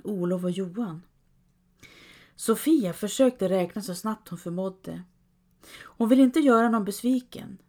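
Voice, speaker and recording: A woman reading an audiobook aloud in a calm, measured storytelling manner. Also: fairly low pitch. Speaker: narrator. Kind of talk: audiobook narration.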